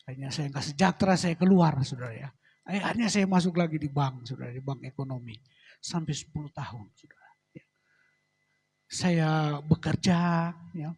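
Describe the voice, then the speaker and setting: A middle-aged man, a pastor, giving a personal testimony in church and ending phrases with a soft, trailing address to the congregation. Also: fairly high pitch, normal speed, slightly rough. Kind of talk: sermon testimony.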